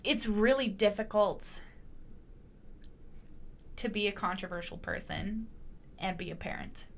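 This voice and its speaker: Young adult woman, podcast host, frank and profane, gravelly edge, casual rambling delivery. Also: mid-range voice, a little slow, a little hiss or hum. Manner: candid, blunt, swears freely, rambling with many fillers. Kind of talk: casual monologue.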